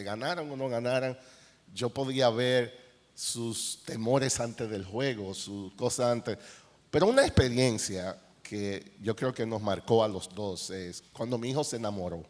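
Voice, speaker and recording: A middle-aged man with a Dominican accent, a counselor speaking on a conference panel, telling anecdotes. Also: mid-range voice. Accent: Dominican Spanish. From Dominican Republic. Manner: storytelling, animated anecdotes with quoted dialogue. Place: large conference hall. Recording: reverberant hall.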